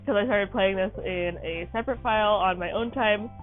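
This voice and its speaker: A woman's voice: medium pitch, normal speed. A tired woman hosting a casual let's-play, talking in a chatty, rambling, apologetic way while she plays. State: tired, yawning. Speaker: gaming channel host. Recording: tinny phone-like audio, faint music.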